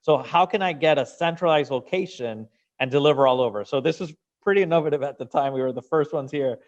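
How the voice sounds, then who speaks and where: A man from Venezuela, a business founder being interviewed, who talks in an animated way and often repeats words as he restarts sentences. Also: fairly high pitch, fast talker, dull audio. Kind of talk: interview conversation.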